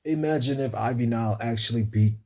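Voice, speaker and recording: A man's voice: mid-range voice, brisk, darkish tone. A man casually reviewing a wrestling show on his own, chatty and playful, talking straight to his viewers. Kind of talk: casual solo recap.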